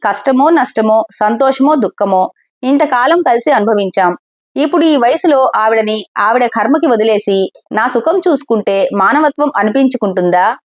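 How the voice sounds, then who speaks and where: A woman's voice: on the high side, expressive, normal speed, lightly acted. A woman voicing an earnest grown son. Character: calm grown son, reasoning gently.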